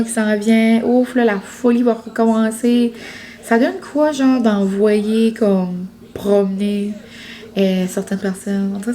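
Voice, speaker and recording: A woman's voice: medium pitch, dark tone. A young woman with a Quebec French accent, vlogging in a casual, rambling way, full of fillers and restarts. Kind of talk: casual chat to camera.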